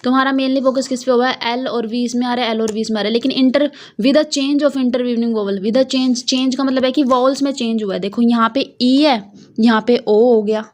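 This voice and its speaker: A woman's voice: on the high side, steady tone, fairly quick. Woman teacher explaining in coaxing tones. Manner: repetitive, coaxing, asks and answers own questions. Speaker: English teacher. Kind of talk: Hindi-English classroom explanation.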